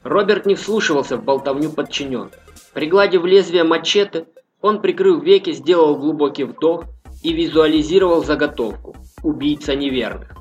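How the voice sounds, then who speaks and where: A man reading a novel aloud in a measured, even storytelling manner. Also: on the high side, dull audio, soft background music. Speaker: audiobook narrator. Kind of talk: scripted narration.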